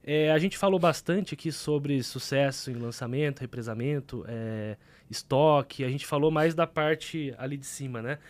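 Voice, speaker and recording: A man's voice: medium pitch, moderate pace, hardly any pauses. A Brazilian man speaking as the host of a casual podcast interview, in conversational Portuguese. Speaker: podcast host and real-estate broker.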